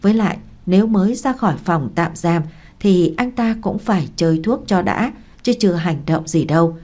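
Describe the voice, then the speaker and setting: A woman narrates a story with a steady, even delivery. Her voice sits low and sounds warm and mellow. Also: moderate pace.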